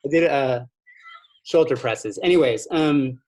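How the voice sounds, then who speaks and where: A man on a video call putting questions to a guest, still out of breath. He hesitates and searches for words, his voice sitting at an ordinary middle pitch. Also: unhurried, darkish tone. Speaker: moderator asking questions. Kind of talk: casual conversation.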